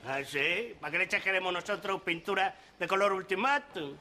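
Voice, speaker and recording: A middle-aged man with a Spanish accent in a sitcom, pompous and indignant, quick to raise his voice. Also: high-pitched, lively intonation, bright, forceful tone, slight background noise. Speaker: sitcom character, grown son. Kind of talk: sitcom acting.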